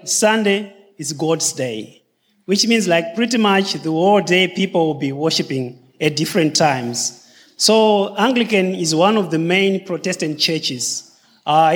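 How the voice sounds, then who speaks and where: A man's voice: a little high, in a large hall. A man from Zimbabwe, around his thirties or forties, speaking earnestly to a church congregation, linking his points with "so" and "and then". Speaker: church member sharing testimony. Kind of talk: casual talk to a congregation. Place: church hall.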